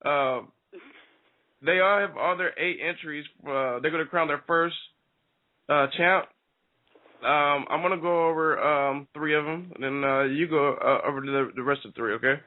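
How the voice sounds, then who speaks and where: A man's voice: on the high side, moderate pace. A man co-hosting a casual wrestling radio talk show, brash and teasing, swearing freely. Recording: phone-like lo-fi audio.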